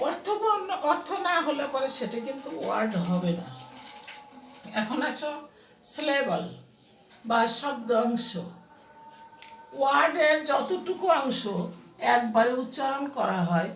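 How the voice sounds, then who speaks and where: Slow-talking woman teacher in an echoey room. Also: a little high, fairly bright tone, recorded from a distance. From Bangladesh. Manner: slow, repeats and spells words out, asks and answers own questions. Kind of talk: online grammar lesson for young pupils.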